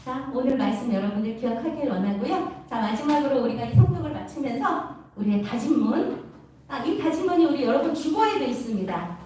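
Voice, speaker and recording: A young woman preaching a lively youth sermon, acting out quarrels and laughing often. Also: high voice, fairly quick, a little hiss or hum. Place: church hall. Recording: echoey room, voice from far off.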